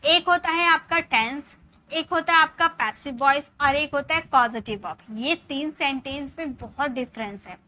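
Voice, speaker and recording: A woman, a native Hindi speaker, teaching English online, explaining in Hindi mixed with English and slowly drawing out each example sentence. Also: high voice, pushed and bright. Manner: slow, drawn-out dictation of example sentences. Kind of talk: online spoken English lesson.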